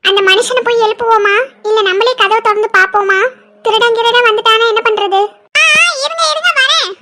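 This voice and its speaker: A fussy, nervous cartoon housewife, played by a woman in a very high, thin voice. She frets and whines over every small worry. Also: a little fast, over music. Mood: wary. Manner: high-pitched, fretful, whiny lamenting. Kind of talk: cartoon voice acting.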